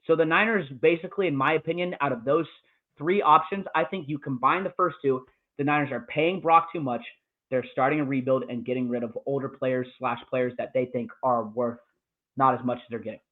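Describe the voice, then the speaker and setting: A man's voice: mid-range voice, fairly quick. A man co-hosting a casual sports podcast, ranting with heavy profanity about his football team. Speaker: podcast co-host. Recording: tinny phone-like call audio.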